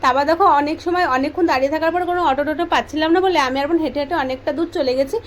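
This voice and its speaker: Fast-talking high-voiced young woman vlogger. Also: slight background noise. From West Bengal, India. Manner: says she speaks softly for this voice-over; chatty, addresses viewers directly. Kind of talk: casual vlog voice-over.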